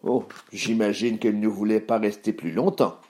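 Papa Ours, a man doing a gruff papa bear. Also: fairly even intonation, darkish tone, natural voice. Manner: slow, booming. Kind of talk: storybook reading.

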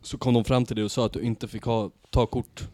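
A man co-hosting a casual podcast, telling an anecdote in an animated way that builds to loud excitement. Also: medium pitch, slight background noise. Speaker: podcast co-host. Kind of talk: casual storytelling.

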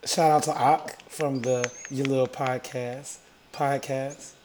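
A man's voice: medium pitch, little pitch movement, slow pace, background noise. A man hosting a podcast, introducing guests and ribbing the others in an upbeat way. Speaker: podcast host. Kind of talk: casual chat.

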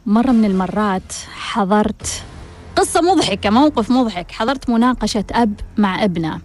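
A woman's voice: mid-range voice, lively intonation, normal speed, a little mellow. A woman radio host, giving a reflective monologue with rhetorical questions and repeated key phrases.

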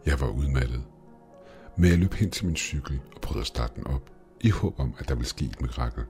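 A man with an extremely deep, low voice narrates a first-person horror story. His telling is scripted and tense. Faint music sits under his voice. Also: lively intonation, mellow.

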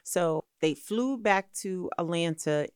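Brief: middle-aged woman guest, animated storyteller, low smooth resonant voice, dry close sound. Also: slow, no echo. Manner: lively, expressive storyteller with laughter. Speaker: magazine founder and editor being interviewed. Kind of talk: animated storytelling in a conversational interview.

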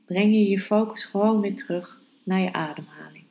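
A woman hosting a yoga podcast, teaching calmly and guiding meditation in a measured, unhurried way. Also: mid-range voice, gravelly, muffled recording. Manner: slow, measured, unhurried delivery with pauses. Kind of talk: calm instructional podcast and guided meditation.

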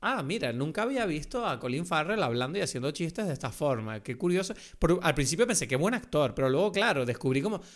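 A man's voice: on the high side, very animated, fast talker, few pauses. A man with a Venezuelan accent, co-hosting a podcast and chatting about films in long, rambling turns. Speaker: podcast co-host. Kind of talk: casual film chat.

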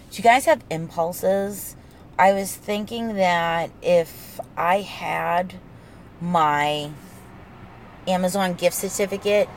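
A woman with a New England accent rambles through a solo podcast at an unhurried pace, in a slightly low voice. She drops the G off her word endings and talks in a sweary, self-mocking way. There is some background noise in the recording. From New England, United States.

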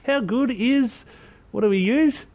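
Over online call audio, an Australian cricket podcast host jokes around with his mates, firing off mock introductions and lists in casual banter. His voice is very high, with a measured pace and a somewhat dark tone.

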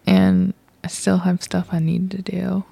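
A young woman co-hosting a home podcast, tired and soft-spoken, hesitant and sometimes nearly whispering. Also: on the low side, level tone, a little slow, creaky, husky. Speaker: podcast co-host. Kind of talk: casual chat. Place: home at night.

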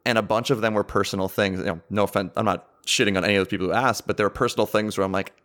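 A man's voice: lowish voice, steady tone, very fast, a bit bright. A man hosting a casual interview, asking long, informal questions that circle around before landing.

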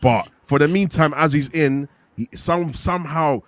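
A young man with a fairly high voice and a London roadman accent vents about football in casual, slang-heavy chat, speaking at normal speed. He's emphatic and keeps repeating tag questions, and there's no room sound.

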